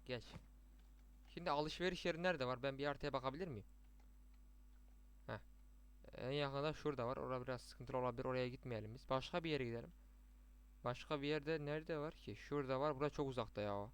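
A young man commentating his mobile shooter match with teammates, chatty, muttering to himself and then bursting out excitedly. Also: mid-range voice, fairly quick, pauses often, clear, resonant tone. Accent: Turkish. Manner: chatty, swings between muttering and excited outbursts. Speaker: gaming streamer. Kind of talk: live gameplay commentary with teammates.

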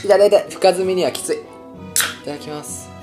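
A man's voice: high voice, quick pace, a little mellow, faint music behind. A young man with a western Japanese accent, chatting casually to the camera as he eats in a mukbang. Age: young adult. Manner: talks to camera while eating and tasting. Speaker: mukbang host. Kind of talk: casual mukbang eating chat. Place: small room at home.

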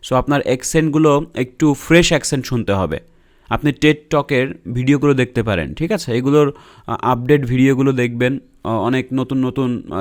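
A young man with a Bangladeshi accent giving a casual IELTS lesson, blunt and teasing, full of filler sounds and "okay?" checks. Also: mid-range voice. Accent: Bangladeshi Bengali. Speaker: IELTS tutor.

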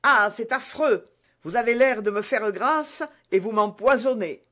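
A man's voice: very high voice, measured pace, sharp tone, voice pushed up, exaggerated voice. A man doing a poisoned dying soldier, anguished. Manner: anguished, accusing cries.

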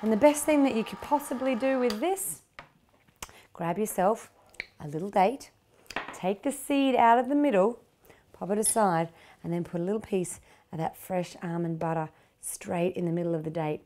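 A woman's voice: mid-range voice, normal speed, dark tone, slight background noise. A middle-aged Australian woman hosting a cooking show, chatty and upbeat, explaining each step of a kitchen demonstration on a lapel mic. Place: home kitchen studio.

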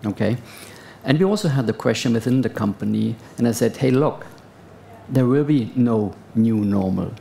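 A man's voice: mid-range voice, lively intonation, normal speed, creaky, warm tone, a little hiss or hum. A man in his fifties, a procurement executive, speaking emphatically on a conference panel with a lapel mic. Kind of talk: panel discussion answer. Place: conference stage, indoors.

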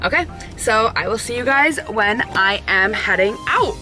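A young woman vlogging casually from her car, chatty and gushing with excitement. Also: on the high side, moderate pace, over music. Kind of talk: casual vlog talk to camera. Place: inside a car.

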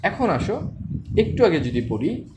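A chemistry tutor quizzes his class with repeated questions, echoing the answers back. His voice is a little high and sing-song at a measured pace, and the screen-recorded class is noisy.

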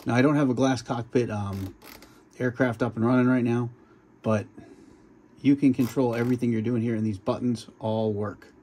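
Showing off his home flight sim cockpit in a casual walkthrough, a man rambles and restarts his sentences with many fillers. He has a steady, mellow medium-pitched voice at normal speed, and slight background noise can be heard.

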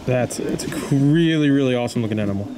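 A man casually narrating a walk through a zoo, pointing out animals in a relaxed, chatty way. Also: mid-range voice, fast. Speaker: zoo tour vlogger. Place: outdoor zoo walkways. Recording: outdoor noise around camera mic.

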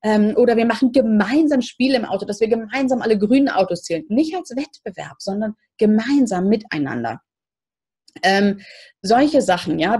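A woman's voice: mid-range voice, a little mellow, slightly rough. A woman family counselor giving earnest, coaching advice straight to the viewer, speaking to them directly. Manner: acts out short quotes of parents and children. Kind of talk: advice talk to camera.

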